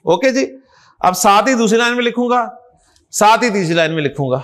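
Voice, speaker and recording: A man's voice: sits high, expressive, fairly quick, a bit bright. A man teaching Arabic letters in an online class, drilling each sound with patient, frequent checks.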